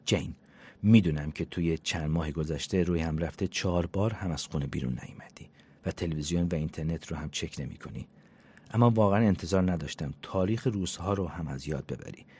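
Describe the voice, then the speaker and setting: Bossy psychologist lady, nags then sweet-talks, raised pitch over a husky voice, man putting her on. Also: dark tone. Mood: needling. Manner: scolding yet coaxing, talks fast and insistently. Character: brisk meddling woman psychologist friend.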